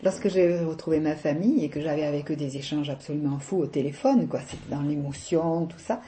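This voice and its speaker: Laughing southern French woman, mellow voice. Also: low-pitched, a little fast, a little hiss or hum. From south of France. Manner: chatty, laughs often, hesitant with many fillers. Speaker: interviewee. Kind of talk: casual personal conversation.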